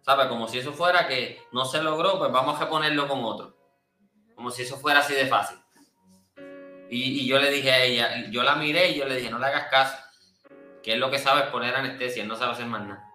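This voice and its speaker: A man gives a heartfelt testimony in an earnest, conversational way, stumbling and restarting as he goes. His voice is very bright and forward. The room around him rings with echo, and soft instrumental music plays underneath. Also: mid-range voice. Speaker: churchgoer sharing testimony. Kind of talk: testimony, casual speech.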